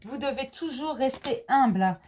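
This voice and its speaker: A woman giving a general tarot reading, her voice hoarse and fading, who softly repeats her questions to the cards. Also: high voice, lively intonation, measured pace, slight background noise. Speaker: tarot reader.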